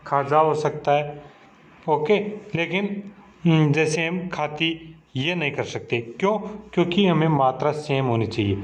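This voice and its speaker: A man with a slightly high voice slowly explains a lesson to children, patiently and repetitively asking questions and then answering them himself. The recording is dull and lo-fi, with slight background noise.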